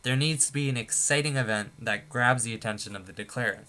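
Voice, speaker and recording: Guy with a bright clear voice walking through a law tutorial point by point, um's here and there. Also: mid-range voice, fast talker. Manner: steady, methodical, stepping through numbered points with occasional fillers. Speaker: tutorial presenter. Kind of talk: explanatory lecture on law.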